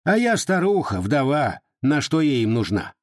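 A man voicing a sly, nosy old village widow in an audiobook, with folksy, mocking peasant speech and a husky tone. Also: fairly high pitch, very animated, moderate pace, no room sound, clean studio sound, pitched above the performer's own voice. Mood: scolding mockery. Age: over 60.

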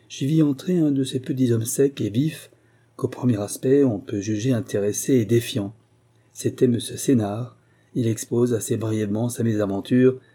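A man reading a first-person memoir aloud, in measured, even storytelling. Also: medium pitch, breathy edge. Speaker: audiobook narrator. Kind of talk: scripted narration.

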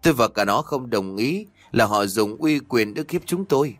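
A man's voice: medium pitch, lively intonation, normal speed, no echo, voice pushed up, natural voice. A man voicing a desperate old grandmother pleading in a spoken story. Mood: bitter. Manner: pleading, wailing.

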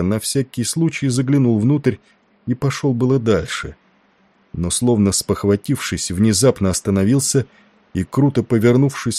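A man narrating a novel in a steady, measured reading. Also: mid-range voice, dry recording. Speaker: audiobook narrator. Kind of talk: scripted narration.

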